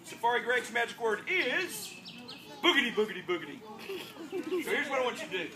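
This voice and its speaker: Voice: medium pitch, very animated, fairly quick. A children's entertainer hosting a live show like a kids' party magician, with playful, coaxing call-and-response patter and clownish mock surprise. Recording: noisy live room full of children. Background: loud crowd of children, ambient noise.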